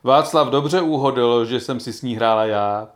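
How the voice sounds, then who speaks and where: A man voicing a kindly, wise old grandmother in a storybook reading, gentle and smiling. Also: mid-range voice, natural voice.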